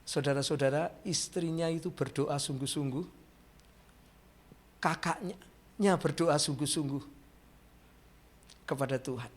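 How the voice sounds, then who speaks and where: A man preaches slowly from a church pulpit, his voice sitting a little high. He tells a story to his congregation, often calling out to them directly. He swings from quiet, almost hushed lines to loud, emotional climbs. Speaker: pastor. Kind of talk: sermon.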